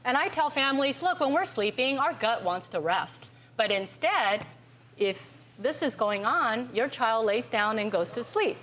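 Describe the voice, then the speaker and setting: A woman's voice: a little high, animated, a little slow, a bit bright, a little hiss or hum. A middle-aged woman, a children's ear, nose and throat doctor, earnestly explaining and demonstrating as a guest in a TV studio. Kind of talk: explaining on a talk show.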